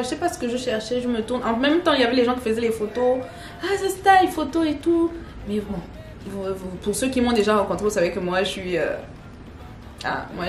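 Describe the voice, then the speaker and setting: A young woman tells a story to her viewers in a casual way. She repeats phrases and drops slangy asides. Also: medium pitch. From Gabon. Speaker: online content creator. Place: home with children playing nearby. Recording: echoey room with faint background noise.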